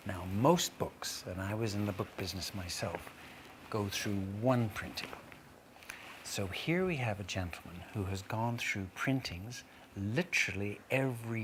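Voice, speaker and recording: A man hosting a live children's event, explaining things in formal, wordy, articulate phrases. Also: on the low side. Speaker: event host. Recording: noisy live room.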